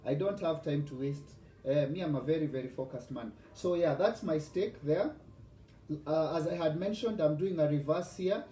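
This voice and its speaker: A Kenyan man in his forties hosts a live cooking vlog, bragging and greeting his viewers by name. His voice sits high and mellow. The sound is roomy and echoey, with faint noise underneath. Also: normal speed. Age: 40s. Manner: boastful, chatty, addresses viewers by name. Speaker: host.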